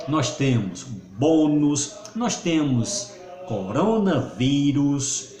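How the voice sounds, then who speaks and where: A male teacher explains grammar slowly and clearly. He often draws out syllables for emphasis, and his pitch moves up and down a lot. The room around him has a noticeable echo. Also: darkish tone. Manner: didactic, stretches syllables for emphasis. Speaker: Portuguese teacher. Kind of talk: video grammar lesson. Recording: roomy echo.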